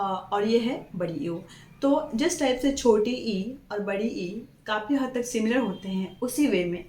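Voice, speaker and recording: A woman's voice: on the high side, darkish tone, echoey room, a little hiss or hum, poor audio. A woman teaching young children their letters, with a patient manner, stressing each word, repeating it, and checking in often. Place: classroom.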